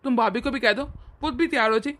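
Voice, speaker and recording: A woman's voice: on the high side, fast talker, a bit bright, slight background noise, natural voice. A woman voicing an earnest young husband who patiently reasons and sounds exasperated in a cartoon story. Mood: agreeable. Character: earnest young husband, loyal to his family.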